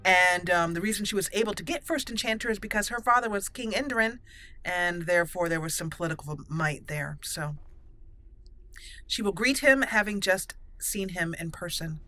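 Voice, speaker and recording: Her voice sits lowish but is bright and forceful, with lively intonation and a moderate pace. The woman hosts a gaming channel, chattering and exclaiming through the game and roleplaying with its characters. Game music plays behind her, along with slight background noise.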